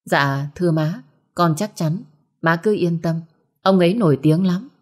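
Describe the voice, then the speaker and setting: A woman voicing a meek, slow-spoken young daughter-in-law in a storybook. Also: fairly low pitch. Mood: deferential. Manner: slow, deferential.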